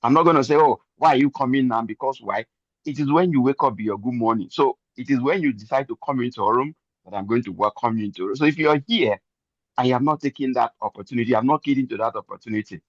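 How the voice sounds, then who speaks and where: A man's voice: medium pitch, quick pace, no echo, highs cut off. Earnest older man testifying. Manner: earnest, preachy, repeats phrases for emphasis. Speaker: member giving a testimony. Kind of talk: motivational testimony.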